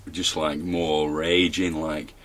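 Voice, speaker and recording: A man's voice: a bass voice, flat delivery, slow, a bit bright, exaggerated voice. A man playing a dim, boastful young lout in a comedy interview, rambling and mumbling through fillers. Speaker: interview guest.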